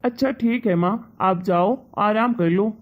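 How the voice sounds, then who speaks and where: A woman voicing a dutiful grown son in a family skit, speaking calmly and soothingly. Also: mid-range voice, unhurried, lo-fi sound, heavy background noise, lightly acted. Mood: placating. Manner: soothing, conciliatory.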